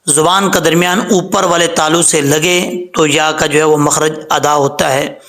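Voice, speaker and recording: A man teaching Quran recitation, patiently spelling out syllables slowly and chanting the verses. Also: fairly high pitch, fairly bright tone. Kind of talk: tajweed lesson, spelling out and reciting words slowly.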